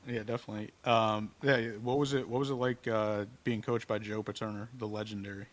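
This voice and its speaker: A man's voice: lowish voice, level tone, fairly quick. A man hosting a podcast interview in a casual, slangy way, with short reactions and loose questions. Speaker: podcast host.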